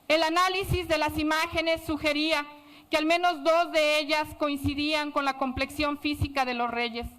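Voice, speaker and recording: A woman telling a first-person story in steady, serious scripted narration. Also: sits high, moderate pace.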